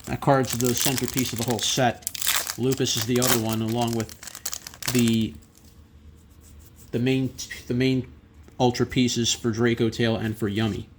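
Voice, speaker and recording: A man's voice: medium pitch, level tone, measured pace, long pauses, slight background noise. A man giving casual commentary on a card pack opening, reading out names and effects and adding brief reactions. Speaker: trading card collector presenting a box opening.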